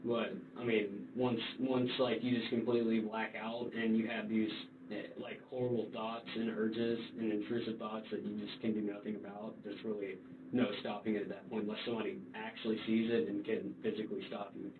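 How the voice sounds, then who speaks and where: Young male interview subject, halting and informal; thin phone-like sound, loud background noise. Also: fairly low pitch, little pitch movement. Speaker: suspect being interviewed. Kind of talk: police interview answers. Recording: distant roomy, tinny, noisy interview recording.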